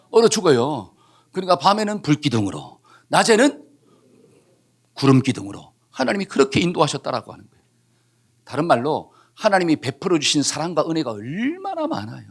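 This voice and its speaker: A man preaching a sermon as pastor, asking the congregation questions and answering them himself. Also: a little high. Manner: leads the congregation in reading scripture aloud.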